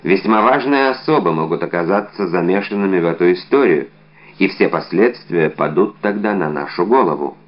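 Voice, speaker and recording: A man's voice: low-pitched, expressive, moderate pace, highs cut off. A man voicing a young hot-headed musketeer hero who speaks urgently and earnestly to his friends. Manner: urgent, commanding.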